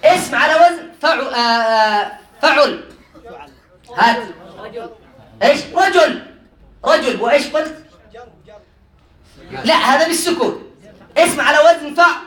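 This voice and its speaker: Male teacher with a high voice, quizzing students and laughing, recorded from a distance in an echoey classroom. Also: expressive, normal speed, long pauses, a bit bright. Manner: quizzes students and repeats their answers, often laughing. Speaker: religious teacher. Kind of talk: classroom grammar lesson. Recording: roomy sound from a distant mic.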